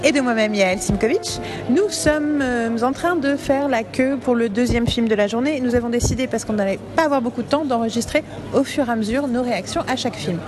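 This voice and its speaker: Hushed woman podcaster, higher-pitched. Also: a little fast, music in the background. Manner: hushed, keeping voice down. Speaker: podcast host. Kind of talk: casual spoken podcast introduction and film discussion. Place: waiting in a cinema queue.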